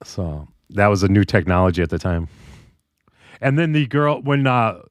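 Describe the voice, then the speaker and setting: A man's voice: lowish voice, animated, normal speed, no echo. A man co-hosting a podcast in casual chat, rambling and often losing his train of thought. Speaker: podcast co-host.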